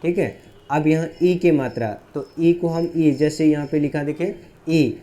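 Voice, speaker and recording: Man teaching phonics, warm low voice. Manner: asks questions and answers them himself; spells out letters slowly. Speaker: English teacher. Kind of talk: whiteboard phonics lesson.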